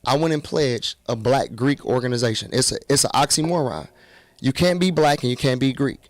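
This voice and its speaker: A man arguing forcefully on a group podcast, insisting and repeating himself to hold the floor. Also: mid-range voice, a little fast, dry recording, clean studio sound. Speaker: podcast co-host. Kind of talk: heated group debate.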